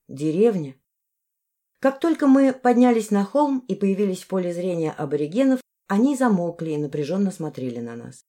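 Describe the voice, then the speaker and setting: A woman narrating a fantasy novel in the first person with expressive phrasing. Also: lowish voice. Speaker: audiobook narrator.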